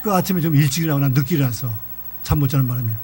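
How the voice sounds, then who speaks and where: Fast-talking older pastor telling a story. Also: male voice, medium pitch, slightly rough. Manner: lively storytelling, folksy asides. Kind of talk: sermon. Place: church.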